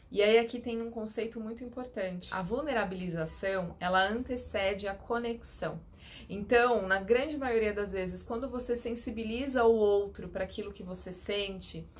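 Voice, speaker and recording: A woman clinical psychologist with a São Paulo Brazilian accent, teaching communication tips straight to her viewers in a didactic way and often checking that they follow. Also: a little high. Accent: Brazilian Portuguese, São Paulo. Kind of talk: direct-to-camera teaching tips.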